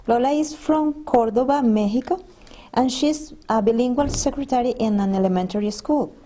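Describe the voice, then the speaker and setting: Mellow-voiced Venezuelan-born woman interviewer. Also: fairly high pitch. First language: Spanish. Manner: hesitant, halting questions with restarts. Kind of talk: unscripted interview questions.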